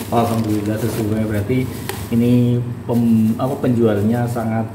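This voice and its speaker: A man's voice: on the low side, level tone, measured pace. A man in his thirties with a Javanese accent, chatting and preaching through a casual unboxing vlog, filmed on a phone at arm's length in a small room. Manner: chatty, preachy asides, laughs often. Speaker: vlogger. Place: small indoor room with bare walls. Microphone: phone camera at arm's length. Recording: echoey room, distant mic, background noise.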